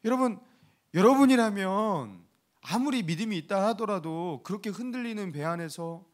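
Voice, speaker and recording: A male pastor delivering a sermon in a church with a lively, animated voice that swings widely in pitch. He pitches a little higher than most men and acts out quoted lines with bursts of energy. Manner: lively, animated preaching with laughs and acted-out quotes. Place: church sanctuary.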